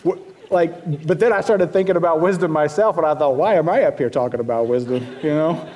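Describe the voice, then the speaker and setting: Preaching at the pulpit, a middle-aged pastor speaks with a Southern US accent and a voice a bit high for a man. He's brisk and a little mellow, talking in a folksy, self-deprecating way and frequently starting sentences over.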